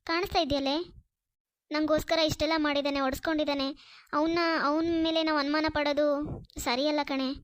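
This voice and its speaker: A woman voicing a kind, trusting young female college student in a cartoon, soft and earnest. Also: high-pitched, little pitch movement, a little fast, long pauses, no echo, natural voice. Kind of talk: Kannada cartoon voice acting.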